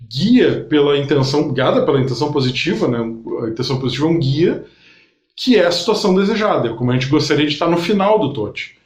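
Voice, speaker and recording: A man giving an explanatory online lesson, speaking directly to the viewer and walking through steps one by one. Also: a little high. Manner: didactic, addresses the viewer directly, pauses to list steps. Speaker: NLP instructor. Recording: roomy echo.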